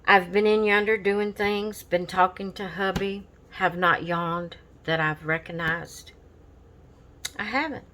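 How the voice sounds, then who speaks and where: A woman's voice: lowish voice, fairly even intonation, takes it slowly, sharp tone, slight background noise, rough recording. A woman chatting casually to her camera at home about her coloring pages, drowsy and yawning, apologizing and trailing off mid-sentence. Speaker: vlogger showing coloring pages.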